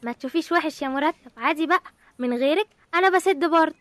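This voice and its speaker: A woman voicing a snooty, sharp-tongued credit card. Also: high-pitched, rapid-fire, no room sound. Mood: haughty. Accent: Egyptian. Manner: condescending, taunting. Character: snobbish female credit card, haughty.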